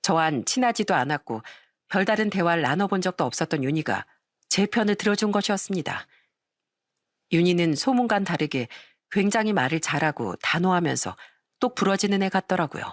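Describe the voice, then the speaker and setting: A woman narrating a scripted first-person story in a steady, confessional way. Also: fairly low pitch, fairly quick, no echo, studio quality.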